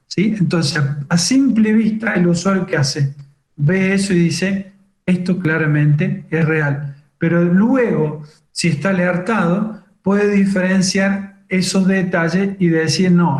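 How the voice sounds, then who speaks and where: A man teaches an online class, explaining slides step by step. His voice sits high for a man. The sound is roomy, with noticeable echo around him. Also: a little mellow. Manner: explanatory, many fillers like "digamos" and "fíjense". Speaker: webinar instructor on cybercrime. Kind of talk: online lecture.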